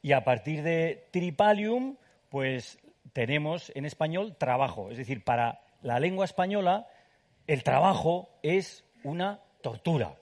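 A man from Spain with a Spanish accent speaks at a public book talk. He explains things with eager enthusiasm, in a voice a little higher than most men's. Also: animated, measured pace, darkish tone. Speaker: author and guest speaker.

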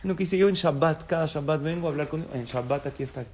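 A man giving a sermon as a rabbi, animated storytelling that acts out the voices of people in his tales. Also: fairly high pitch, rapid-fire, slight background noise.

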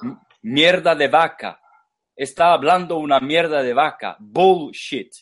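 A man whose first language is English, lecturing slowly in a second language, repeating words and searching for terms as he explains. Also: fairly high pitch, a bit bright.

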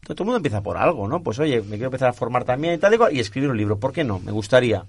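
Animated, laughing man. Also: medium pitch, rapid-fire, breathy edge. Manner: animated storyteller, laughs often. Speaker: stand-up comedian and guest. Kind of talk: casual interview chat.

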